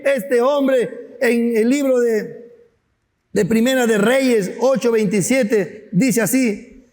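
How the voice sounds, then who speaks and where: A man preaching a sermon as pastor, animated and acting out stories, at times shouting. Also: very high-pitched, long reverb tail. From Peru. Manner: animated, acts out anecdotes with voices, sometimes shouting.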